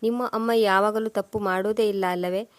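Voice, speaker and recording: ನಿರೂಪಕಿಯ ದನಿಯಲ್ಲಿ ಜಗಳಗಂಟಿ ಯುವ ಹೆಂಡತಿ. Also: female voice, mid-range voice, fairly even intonation, a little fast, dry recording, natural voice. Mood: resentful. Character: angry young wife Sudha quarrelling.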